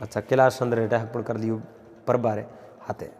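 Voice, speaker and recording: A man with a Marwari accent telling a traditional folk tale in a rhythmic, repetitive way, pausing often. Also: mid-range voice, little pitch movement, a little mellow, big-room sound, slight background noise. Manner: repetitive, rhythmic telling with frequent pauses and fillers. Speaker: folk storyteller.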